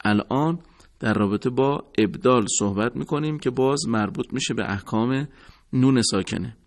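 A man teaching Quran recitation rules in a measured, formal way, repeating each rule. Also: mid-range voice. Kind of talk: recorded tajwid lesson.

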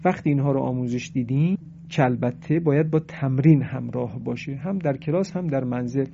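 A man giving a religious lesson on Quran recitation, explaining pronunciation and chanting verses slowly. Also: mid-range voice, gravelly, warm tone, lo-fi sound, slight background noise.

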